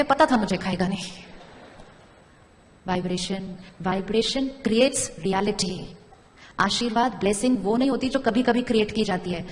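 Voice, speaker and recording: A woman giving a spiritual talk to a live audience, repeating key phrases, quizzing listeners and mixing in English phrases. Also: on the high side. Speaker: spiritual speaker. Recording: long hall reverb.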